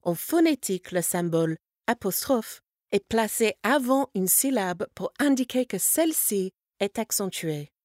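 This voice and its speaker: Female course narrator, unhurried and clear, reading example words in a dry studio. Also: mid-range voice, lively intonation, darkish tone, no echo. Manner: slow, clear, reads out example words one by one. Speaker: language lesson narrator. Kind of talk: scripted instructional narration.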